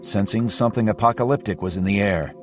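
A man's voice: on the low side, fast talker, faint music behind. A man reading scripted audiobook narration as the narrator of a dramatized story.

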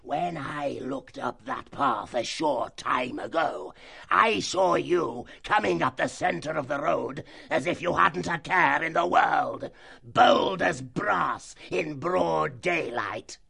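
In an audiobook, a man voices a cruel, hooded male fox who leads a band of slavers, bullying in a harsh, grating way and drawing out his threats with menace. His heavily acted, pushed-up voice is medium-pitched, expressive and fairly bright, with vocal fry and a slight roughness.

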